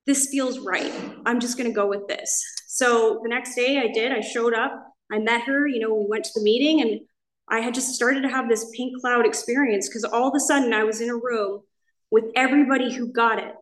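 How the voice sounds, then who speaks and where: A woman's voice: a little high, steady tone, normal speed. A woman in her thirties with an American accent, telling her recovery story at a meeting, candid and emotional, a little nervous. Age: 30s. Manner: candid, emotional storytelling with many "I was like" quotes. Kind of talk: personal recovery share. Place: church meeting hall. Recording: echoey hall.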